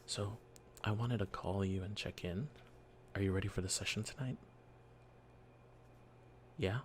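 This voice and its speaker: A soft-spoken man as a dungeon master in a whispered role-play, explaining gently and patiently with many fillers, speaking quietly at home. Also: lowish voice, unhurried, slight background noise. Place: quiet home early morning.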